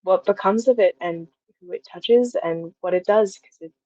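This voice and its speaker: Guesting on an interview, an audio drama writer in her twenties talks casually and reflectively, working through her thoughts as she goes. She has a lowish, dark-toned voice at a moderate pace, captured in a dry recording with dull audio.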